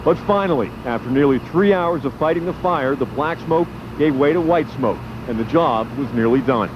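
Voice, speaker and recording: A man's voice: on the high side, moderate pace. A man reporting live for television news from outdoors, in a field reporter's narrating style. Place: outdoors on a street at a fire scene. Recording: muffled lo-fi TV audio, clear outdoor vehicle noise.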